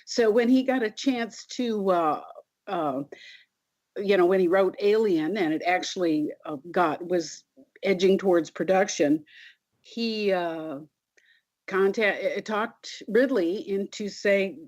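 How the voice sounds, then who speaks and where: A woman being interviewed, telling anecdotes casually in a halting way. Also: medium pitch, darkish tone. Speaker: interview guest. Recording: dull, lo-fi sound.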